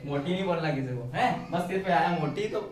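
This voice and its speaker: A man's voice: on the high side, animated, a little fast, a little hiss or hum. A male shorthand teacher giving a casual classroom lesson, asking and answering his own questions and cracking jokes as he goes. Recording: very echoey room, mic far away.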